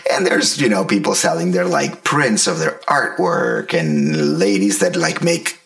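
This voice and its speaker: A man's voice: on the low side, sing-song, unhurried, gravelly, a bit bright. A man in his early forties telling stories in a casual, slangy, profane way as a podcast host. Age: early 40s. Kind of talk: casual anecdotal storytelling.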